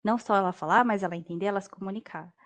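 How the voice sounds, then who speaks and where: A woman's voice: medium pitch, rapid-fire. A young adult woman, a language teacher, telling a personal story in an interview and acting out the dialogue. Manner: lively, acts out dialogue with quoted voices.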